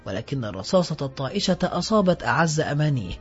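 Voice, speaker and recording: A man narrating an audiobook in a measured literary reading, in a dull lo-fi recording with faint music behind. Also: on the high side, big pitch swings, breathy edge.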